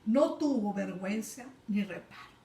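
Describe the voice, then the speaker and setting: A woman preaching a fervent sermon, rising at times to loud cries. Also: medium pitch, animated, measured pace. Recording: echoey room, voice far from mic.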